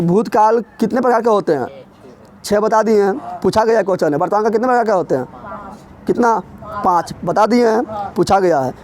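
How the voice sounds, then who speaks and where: High-voiced teacher drilling a class. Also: male voice, a little mellow. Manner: drills students with repeated quick questions. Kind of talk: classroom grammar revision lesson.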